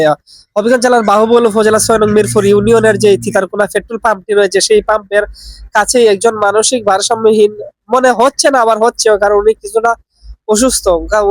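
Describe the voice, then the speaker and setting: A man's voice: high-pitched, no echo. A man with a Bangladeshi Bengali accent making an urgent appeal video outdoors near a roadside petrol pump, speaking earnestly and slipping into Sylheti dialect. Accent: Bangladeshi Bengali, switching to Sylheti dialect. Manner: urgent, earnest pleading for shares. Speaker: social media volunteer vlogger. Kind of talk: appeal video talking to camera.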